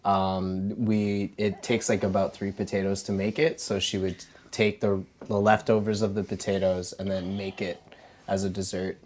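Low-voiced man from Quebec, easygoing, rambling co-host. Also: flat delivery, normal speed, darkish tone. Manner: easygoing, rambling, many fillers. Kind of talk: casual chat.

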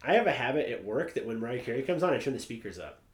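A man's voice: medium pitch, very animated, racing. A man co-hosting a casual podcast chat, laughing often and swearing freely. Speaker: podcast co-host. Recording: roomy echo.

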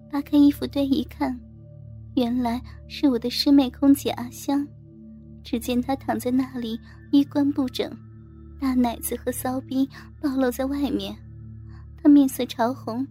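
A woman with a high, mellow voice narrates a first-person audio story. Her delivery is intimate and addresses the listener directly, over faint background music.

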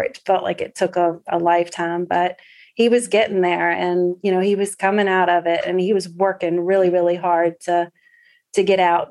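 A woman's voice: on the low side, darkish tone. A woman guest recounting a family medical story in an earnest, heartfelt way, with frequent fillers and restarts. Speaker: interview guest, patient's wife. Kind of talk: personal storytelling.

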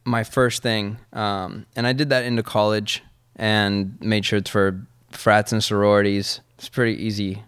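A man who grew up in Argentina talks about his life as a musician in a relaxed, laughing way. His voice sits fairly low and comes across smooth and resonant. The sound is dry, with little room around it. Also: unhurried, few pauses, no echo. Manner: easygoing, laughs often, storytelling. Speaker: musician guest. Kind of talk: casual interview conversation.

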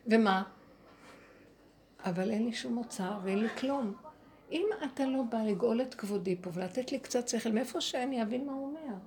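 A woman teaching a spiritual lesson to a group, speaking in an animated way, acting out inner dialogue and asking her listeners rhetorical questions. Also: on the high side, a little hiss or hum.

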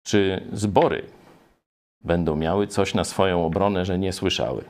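A man preaching a sermon, expounding scripture and addressing his listeners directly, climbing high when he reads verses aloud. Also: steady tone, unhurried, darkish tone.

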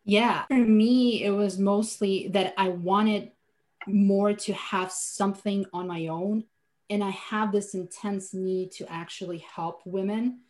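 A Slovenian woman whose first language is Slovenian speaks in a medium-pitched, slightly mellow voice with fairly even intonation and a slow pace. She is a guest on a podcast, a finance business owner answering interview questions earnestly and reflectively, often restarting her sentences.

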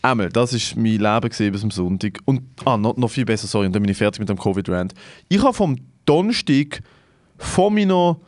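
A young Swiss comedian with a Swiss German accent co-hosts a podcast, telling stories animatedly in casual chat, acting out the quotes and laughing often. His voice is lowish and a little fast, captured in clean studio sound with no echo.

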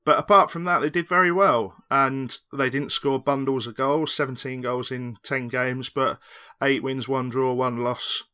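Guy on a football podcast, bright sharp voice, rambling along with lots of opinions. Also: mid-range voice, fairly even intonation, normal speed, few pauses, clear, resonant tone. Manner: rambling, enthusiastic analysis. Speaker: podcast panelist. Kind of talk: casual chat.

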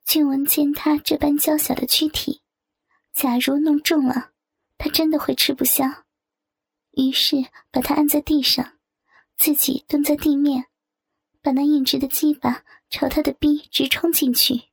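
A woman narrating an adult story in a soft, sometimes whispered reading voice. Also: high-pitched, little pitch movement, a little slow, no echo. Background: soft guitar music.

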